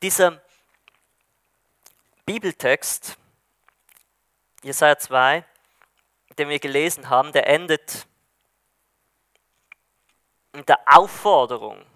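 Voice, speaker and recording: A man's voice: on the high side, slow, pauses often, bright, forceful tone, no echo, clean studio sound. A man preaching a sermon, retelling a story in a searching way with hesitant restarts.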